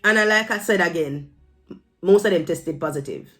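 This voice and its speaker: Faint music plays behind this Jamaican-accented woman, whose fairly low voice is a bit bright and moves at a normal speed. She's a vlogger giving her views casually to camera, scolding her audience with emphasis and mixing in Patois.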